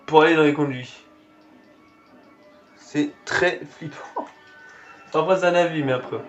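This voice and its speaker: A man's voice: a little high, unhurried. A man giving casual, reactive commentary while showing characters in a game. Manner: reactive, exclaiming at what appears on screen. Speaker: gameplay commentator. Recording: dull lo-fi recording with faint game music.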